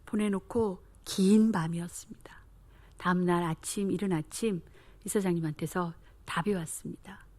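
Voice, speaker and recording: A woman missionary and school principal giving a testimony sermon in church, telling her story with acted-out children's voices and hushed, whispered reflections. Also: lowish voice, fairly even intonation, normal speed. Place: church sanctuary.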